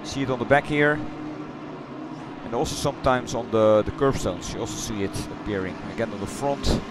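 Sitting in his home gaming room, a middle-aged Dutch-accented sim racing streamer rambles through casual commentary on a replay of his race. He stops, stumbles, and corrects himself along the way, speaking at a medium pitch over some background noise.

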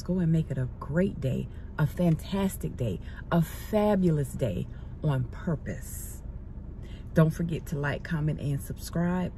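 Low-voiced woman vlogging from her car. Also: a little mellow, slight background noise. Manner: upbeat, encouraging, repeats phrases in prayer cadence. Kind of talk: casual car chat and spoken prayer. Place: parked car interior. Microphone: phone camera on the dashboard.

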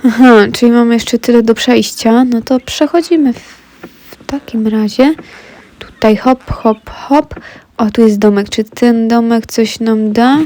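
Stuffed-up woman with a cold, chatty let's play talk, slightly high voice. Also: mellow, slight background noise. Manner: chatty, talks straight to viewers. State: congested with a cold. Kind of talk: casual gameplay commentary.

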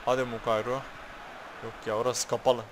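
A man's voice: mid-range voice, little pitch movement, normal speed, noisy background. A man commentating on a football video game he is playing, talking to the players on screen, swearing, and getting worked up over fouls. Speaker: gaming YouTuber.

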